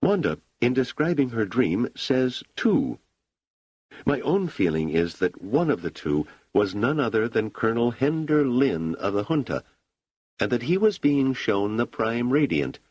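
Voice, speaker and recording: A man reading an audiobook, voicing a calm, probing woman who talks in a measured, persistent way. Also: medium pitch, no echo, highs cut off. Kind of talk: audiobook character voice.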